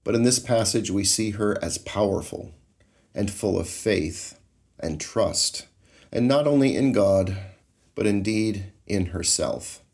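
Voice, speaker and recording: Man, very low voice, unhurried, calm meditation guide. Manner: calm, slow, measured, soothing.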